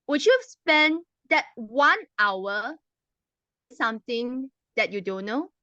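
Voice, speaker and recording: Speaking slowly and expressively, a young woman with a Mandarin accent kicks off a club meeting, delivering a rehearsed speech with plenty of emphatic rhetorical questions in English, which isn't her first language. Her fairly high voice sounds pushed and bright. The lo-fi audio is dull and dry, with no echo.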